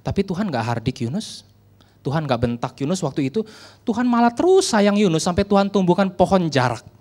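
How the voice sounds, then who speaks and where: A man's voice: high voice, sing-song, brisk, darkish tone. A male preacher telling a story in a sermon, conversational and joking, acting out the people in it.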